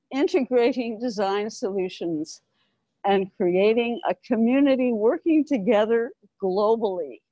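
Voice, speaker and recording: An older woman's medium-pitched, mellow voice comes through a face mask as she walks a group on an informal tour of an open-plan office, explaining along the way. Picked up by a clip-on lapel mic, the audio is poor but has no echo.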